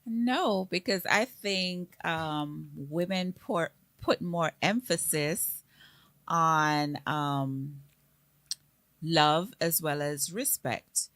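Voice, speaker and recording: A woman with a low voice talks slowly and earnestly in a casual live-stream chat. She builds her point through repeated examples. The sound is dry and close. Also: fairly bright tone, dry recording. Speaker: co-host.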